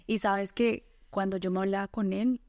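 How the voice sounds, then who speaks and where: A Colombian woman tells her personal faith testimony as a podcast guest, earnest and quick to laugh, often quoting her own words. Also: mid-range voice, fairly even intonation, darkish tone, no echo, clean studio sound. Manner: earnest storytelling, quick to laugh, quotes herself and God.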